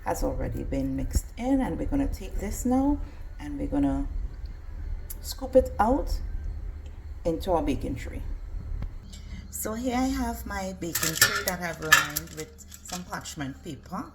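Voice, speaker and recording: A woman's voice: low voice, expressive, measured pace, vocal fry, long pauses, noisy background. A woman giving a casual, step-by-step cooking demonstration as a home cook. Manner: instructional, step-by-step. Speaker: home cook presenting a recipe.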